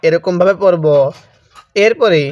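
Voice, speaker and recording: Slow, patient male Quran teacher. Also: high-pitched, dry recording, lo-fi sound. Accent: Bangladeshi Bengali. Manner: patient, breaks words into syllables and has listeners repeat. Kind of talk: slow step-by-step recitation lesson.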